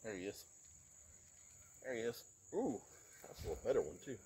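A man, chatting casually while fishing from an outdoor lake dock, recorded on a handheld phone and often talking low and hushed. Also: big pitch swings, moderate pace, slightly rough. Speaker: fishing vlogger. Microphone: handheld phone camera.

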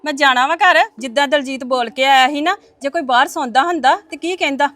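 A woman's voice: sits high, a little fast, a bit bright. A woman plays an offended neighbor who complains in an aggrieved tone. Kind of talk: family web series acting.

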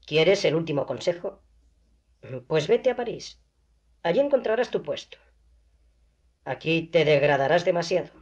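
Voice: mid-range voice, expressive, moderate pace, long pauses, darkish tone, close to an everyday voice. A reader voicing a stern ironic doctor. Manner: admonishing, ironic. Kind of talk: audiobook reading. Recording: dull lo-fi recording.

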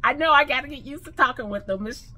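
A woman with a slight lisp, speaking with new veneers in an excited, gushing casual vlog to her viewers. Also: sits high, quick pace. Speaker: vlogger. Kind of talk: casual product review vlog.

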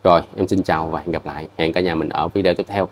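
A man's voice: sits low, fairly even intonation, fast, slight background noise. A man with a Southern Vietnamese accent, addressing his viewers in a heated commentary rant. He scolds bluntly and repeats himself. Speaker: vlogger.

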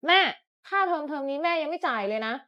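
A woman acts in comedy skits with a pleading, demanding way of talking. Her voice is very high. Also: animated, fast, sharp tone, highs cut off. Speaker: skit performer. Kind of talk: comedy skit acting.

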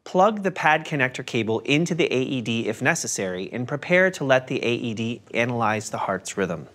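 Man, mid pitch, scripted training narration, calm and step by step. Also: fairly quick. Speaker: instructional narrator.

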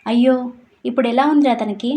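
A woman voicing a gentle, caring older mother-in-law who soothes the family in a read-aloud story. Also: on the high side, brisk.

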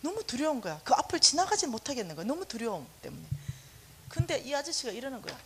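A woman preacher delivering a sermon, telling personal stories with animated storytelling and acting out quoted lines. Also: sits high, fast.

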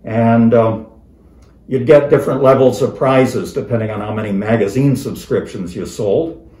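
An American retired teacher in his seventies reminisces to students in an informal recorded talk, halting and pausing often, his warm mid-range voice slightly muffled by a face mask. He's in the dining room of a historic house, picked up by a camera across a table, with roomy indoor echo.

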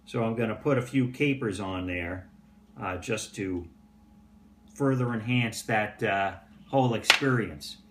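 An older man who casually demonstrates breakfast in his home kitchen, talking in a relaxed, chatty way with many "uh" fillers. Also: fairly low pitch, a little slow. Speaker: pipe-smoking home cooking vlogger. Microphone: phone or camera on the table. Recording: roomy kitchen echo, faint background hum.

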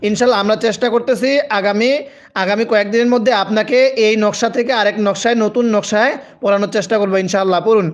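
A man's voice: sits high, steady tone, fast. A man who teaches Quran reading live, spelling out letters and vowels, drawing out each word, and urging listeners to read aloud with him. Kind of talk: live Quran reading lesson, call-and-repeat.

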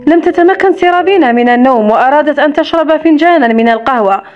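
A woman's voice: sits high, animated, quick pace. A woman voicing a blunt, protective grown man in an audiobook romance, reading his lines expressively. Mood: concerned. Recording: slightly dull recording with soft music.

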